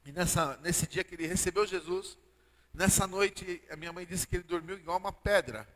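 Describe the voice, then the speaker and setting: A Brazilian man preaching from the pulpit in a fairly high voice, his words ringing out with a long church-hall reverb. He talks directly to the congregation and keeps asking them for an "Amém?". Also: fairly quick, a bit bright. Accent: Brazilian Portuguese. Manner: preaching with call-and-response "Amém?". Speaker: pastor. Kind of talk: sermon.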